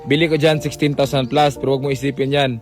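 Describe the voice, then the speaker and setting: A man's voice: medium pitch, flat delivery, fast talker, soft background music. A young adult man hosting a casual vlog, coaxing and repeating short phrases again and again. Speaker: vlogger host.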